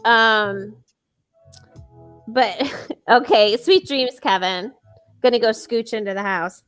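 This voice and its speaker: A woman's voice: on the high side, takes it slowly, fairly bright tone, clear, resonant tone, faint music behind. A woman co-hosting a casual podcast, chatting with many fillers and restarts. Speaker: podcast co-host. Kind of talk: casual chat.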